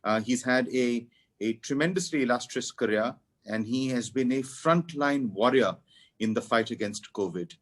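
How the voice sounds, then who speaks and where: A man's voice: mid-range voice, moderate pace. A man giving a formal, courteous welcome as the host of an online talk. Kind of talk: formal webinar welcome address.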